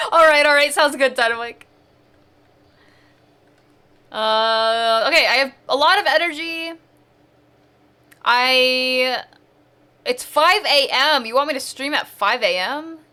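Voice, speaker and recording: A woman's voice: high-pitched, slow, long pauses, bright, forceful tone, clean tone. A woman streamer chatting casually over gameplay, thinking aloud and asking herself questions.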